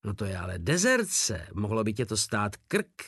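A man's voice: lowish voice, huge pitch swings, a bit bright, husky, dry recording, studio quality, heavily acted. A man reading aloud, voicing an indignant soldier accusing a comrade of desertion.

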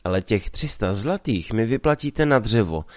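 A man reading a story aloud, voicing a calm, evasive young village man who teases his sweetheart. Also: on the low side, no echo, clean studio sound, lightly acted. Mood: sly calm.

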